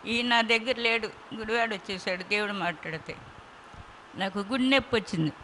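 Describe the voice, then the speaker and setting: A woman's voice: mid-range voice, fairly quick, bright, forceful tone, a little hiss or hum, low-quality recording. A woman giving a plain, heartfelt spoken testimony. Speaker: testimony speaker.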